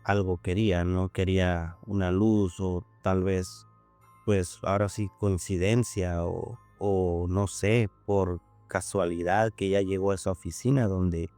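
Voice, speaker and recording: A man's voice: deep voice, fairly even intonation, a little slow, dark tone, soft background music. A man hosting a podcast, talking thoughtfully and hunting for words with lots of fillers. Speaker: podcast host. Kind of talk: casual chat.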